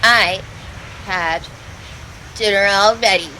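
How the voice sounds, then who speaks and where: A woman's voice: mid-range voice, fairly even intonation, takes it slowly, crowd noise, low-quality recording. A woman playing a tabletop game, chatting casually and bluntly, with casual swearing. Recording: clear background noise.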